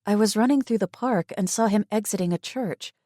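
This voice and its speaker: A woman narrating a romance audiobook in the first person, with steady, measured storytelling. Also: medium pitch, no echo, clean studio sound.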